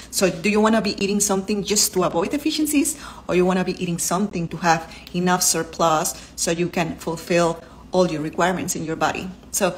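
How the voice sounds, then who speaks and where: Speaking English with a Spanish accent, a doctor who vlogs, a woman in her thirties and a native Spanish speaker, addresses the camera casually from her home living room. In a fairly low voice over slight background noise, she earnestly walks through health topics term by term.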